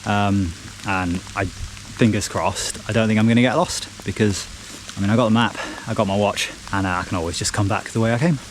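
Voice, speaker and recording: A man's voice: lowish voice, steady tone, brisk. A man vlogging casually as he runs outdoors, chatting to the camera while on the move. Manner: talking while running outdoors. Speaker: running vlogger. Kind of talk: casual vlog chat to camera. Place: outdoors on rainy hill trails. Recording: noisy outdoor ambience, wind and rain.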